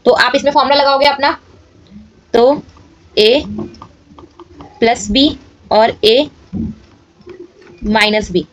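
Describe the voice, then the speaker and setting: High-voiced woman teaching maths. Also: takes it slowly, long pauses. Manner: explains steps aloud, checks in often. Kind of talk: step-by-step maths lesson.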